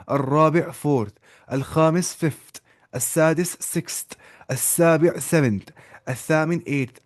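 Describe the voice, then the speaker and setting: Teaching an online class, this patient man explains Arabic slowly, switching among Urdu, Arabic and English and repeating words often. His mid-range voice has a darkish tone, and the dry recording has no echo.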